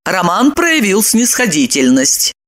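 A woman narrating an audiobook in an expressive storytelling manner. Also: mid-range voice, measured pace. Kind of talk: scripted narration.

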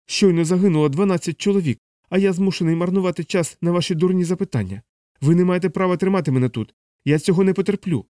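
A man's voice: high-pitched, very animated, brisk, hardly any pauses, no room sound, studio quality, pitched above the performer's own voice. A man voicing an anxious, indignant male military chaplain in an audiobook. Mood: indignant pleading. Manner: pleading, indignant, shouting protests.

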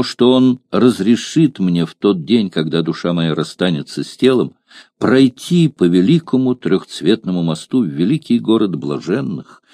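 A towering Germanic warrior man pleads, impassioned and lovesick, in a deep, dark voice, as a male narrator puts him on. The storybook reading sits dry and close. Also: no room sound.

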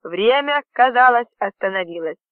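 A man's voice: very high-pitched, lively intonation, moderate pace, clear, resonant tone, dry recording. A man reading a first-person story aloud as an audiobook narrator, in a tense, dramatic manner. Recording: dry, tinny phone-like audio.

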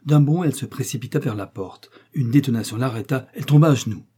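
Male audiobook reader, mellow husky tone, steady novel narration. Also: mid-range voice, quick pace. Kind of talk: scripted narration of a wartime novel.

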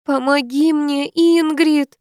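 A woman's voice: high-pitched, lively intonation, unhurried, a little mellow, dry recording, studio quality, pitched above the performer's own voice. A woman voicing a young woman in labor, crying out and pleading in pain. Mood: desperate.

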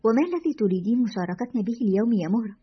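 A woman's voice: a little high, animated, rapid-fire, breathy edge. A woman reading as a commanding man radio host. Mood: smooth. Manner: firm, instructing. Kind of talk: storytelling narration. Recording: lo-fi dull audio.

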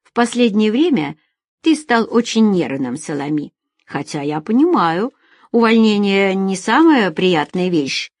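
A woman reading a novel aloud, voicing a lazy, condescending young secretary who turns shrill when irritated. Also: animated, measured pace, dry recording, studio quality. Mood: teasing.

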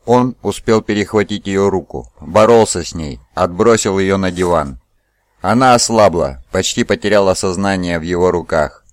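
A man with a rather low voice reads a novel aloud in a steady, measured storytelling manner. The recording is close and dry, with no echo. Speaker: narrator. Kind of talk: audiobook narration.

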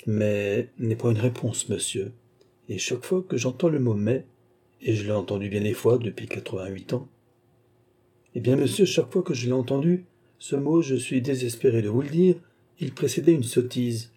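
A man's voice: medium pitch, normal speed, mellow, husky, lightly acted. A man voicing a proud, imperious marshal of eighty-eight who scolds his servant in haughty, curt orders, read as an audiobook character. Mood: scornful.

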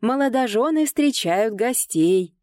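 A short, fussy little steward in silver robes bellows wedding proclamations at the top of his voice, as a woman reads him. He sits high and loud, announcing each rite like a herald in an audiobook. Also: expressive, unhurried, dry recording, studio quality. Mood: proclaiming.

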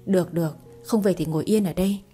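Woman reader playing a patient young man, firm, mellow voice, storybook romance, faint music. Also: on the low side, fast, natural voice. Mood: gentle.

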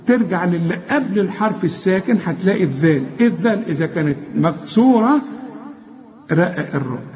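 A man with an Egyptian accent gives a tajweed lesson in a high, mellow voice. He explains each rule plainly and then chants the example verse slowly. The recording is a bit dull and lo-fi. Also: animated, a little hiss or hum. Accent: Egyptian Arabic. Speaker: Quran recitation teacher.

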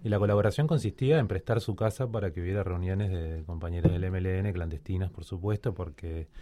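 A man's voice: deep voice, fast, dark tone, no echo. A man, a guest on a radio talk show, speaking hesitantly with many fillers, a little nervous. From Cuba. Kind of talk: casual radio interview.

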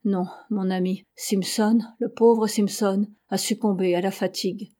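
Woman doing a gentle old doctor, audiobook reading, soft and sad, warm voice. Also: mid-range voice, steady tone, a little slow, lightly acted. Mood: sorrowful. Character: old male ship's doctor, gentle and kindly.

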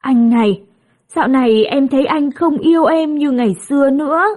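A woman voicing a hot-tempered young bride in a storybook reading, scolding in a sharp, bossy way. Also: high voice, very animated, normal speed, husky, heavily acted.

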